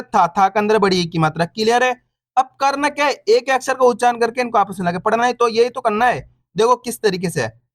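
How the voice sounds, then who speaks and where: A man teaching reading online, sounding out syllables slowly, repeating each word and encouraging viewers as friends. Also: very high voice, no echo, studio quality.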